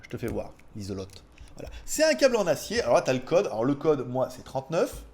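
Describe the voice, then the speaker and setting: A man's voice: mid-range voice, huge pitch swings, quick pace, a little mellow. A man hosting a casual viewer Q&A, rambling and laughing often between answers. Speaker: host answering viewer questions. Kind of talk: casual chat. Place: indoors at home.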